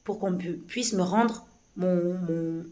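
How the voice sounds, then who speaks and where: A woman with a low, hoarse voice speaks straight to camera in a loose, unscripted way. She stumbles and restarts often, repeating words as she pushes through an agitated account. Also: slow, dark tone. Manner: agitated, hesitant, many restarts and fillers. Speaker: vlogger recounting a police incident. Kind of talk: casual spoken account to camera.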